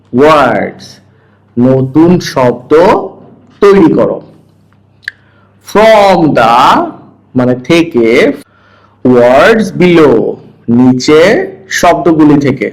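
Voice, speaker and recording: A man teaching a primary-school English lesson, reading each English phrase and explaining it, often checking in with a quick question. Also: medium pitch, a little mellow, rough recording. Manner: reads English phrases and translates each, asking "hmm?" to check. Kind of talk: online lesson, explaining textbook exercise.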